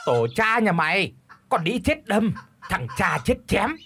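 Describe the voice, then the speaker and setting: A woman's voice: mid-range voice, big pitch swings, normal speed, a bit bright, a little hiss or hum. A woman voicing a foul-mouthed village wife who screeches curses at a thief, in an audio story. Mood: furious cursing.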